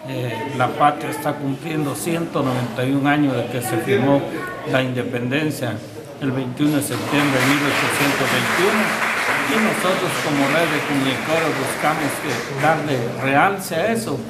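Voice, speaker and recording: A man in his fifties with a Guatemalan accent, answering a news interview in a halting, deliberate way. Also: mid-range voice, over a noisy crowd, heavy background noise. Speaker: interviewee, event organiser. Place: indoors, small room against plain wall. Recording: roomy echo, people in background.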